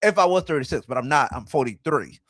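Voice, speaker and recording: A man's voice: medium pitch, animated, fast, a bit bright, no room sound. Chatty rambling livestream host, a man. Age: 40s. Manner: rambling, self-correcting, chatty with viewers. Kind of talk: casual livestream chat.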